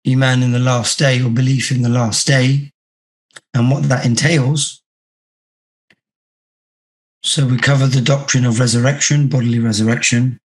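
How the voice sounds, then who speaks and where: A man with a hoarse, croaky sore-throat voice, teaching an online religious class in a measured, deliberate way. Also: mid-range voice, level tone, poor audio. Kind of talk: online class lecture with reading aloud. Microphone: video call.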